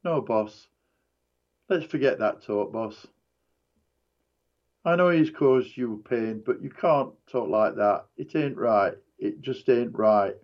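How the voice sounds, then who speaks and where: Man doing a pleading big tough man, slow, lo-fi sound. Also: mid-range voice, natural voice.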